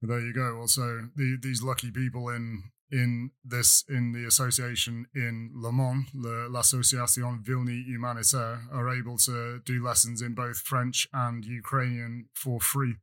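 A man's voice: medium pitch, flat delivery, a little slow, few pauses, fairly bright tone. A British man co-hosting a podcast in casual chat, rambling with many fillers and restarts. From Britain. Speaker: podcast co-host. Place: lives in France.

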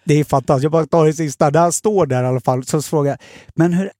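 A man on a podcast telling a long personal story in a casual way. He acts out the dialogue with lively voices and swears freely. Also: a little high, dry recording, studio quality. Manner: animated, acts out quoted dialogue; swears freely, many fillers. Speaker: podcast guest.

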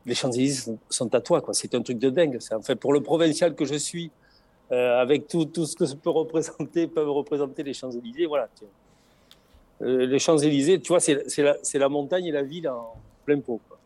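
A middle-aged man with a southern French accent, once a race logistics organizer, is a guest in a casual interview. His medium-pitched voice is brisk and dark, with no room sound, and he talks expansively, often restarting and repeating words.

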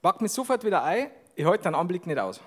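Excitable Bavarian man, lively pitch. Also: fast. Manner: excitable, laughs often, animated. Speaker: podcast co-host on stage. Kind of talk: live comedy podcast banter. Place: stage at a live show.

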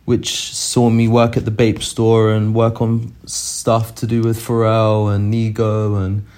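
Young English man, low mellow drawl. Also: monotone, slow, smooth. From England. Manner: laid-back, rambling with fillers. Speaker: podcast guest. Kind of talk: casual chat.

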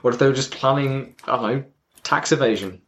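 Speaking briskly at a medium pitch over a noisy background, this man co-hosts a podcast as a manga fan walking a newcomer through the basics. The chat is casual and informal, laced with wry humour, and captured on a built-in mic.

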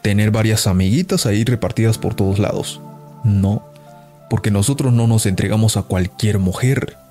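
A man's voice: lowish voice, normal speed, dark tone, soft background music. A man hosting a podcast, talking in a casual, preachy monologue straight at his listeners. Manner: preachy, addresses listeners directly. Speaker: podcast host.

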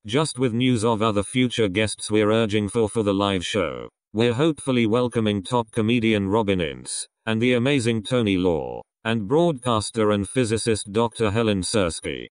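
A man's voice: fairly low pitch, moderate pace, hardly any pauses, smooth, lightly acted. A man voicing a polite male robot butler who reads out courteous, formal announcements for a podcast. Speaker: show announcer. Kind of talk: scripted announcement.

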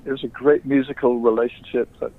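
Husky man from England over a phone line. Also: mid-range voice, quick pace. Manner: relaxed, plain storytelling. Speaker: guest musician. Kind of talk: casual interview chat.

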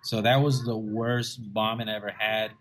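A man from the Rio Grande Valley of Texas talks as a stand-up comedian guest in a relaxed interview. He tells stories in an animated way and slips into the voices of the people he quotes. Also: on the low side, moderate pace. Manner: animated storyteller who acts out quoted voices. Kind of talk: casual storytelling interview.

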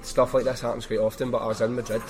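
This podcast host has a strong Glaswegian Scottish accent and tells stories casually and colloquially, offering his own opinions in an anecdotal chat. His pitch is medium with little movement, and he talks at a racing pace.

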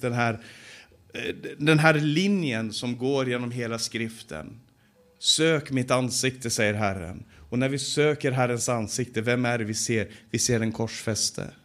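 A man preaches at a Bible conference, with a pitch that sits in the middle of a man's range. He moves between loud, stressed lines and slow, hushed ones. He repeats his key phrases to drive them home. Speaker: Bible teacher. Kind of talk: sermon.

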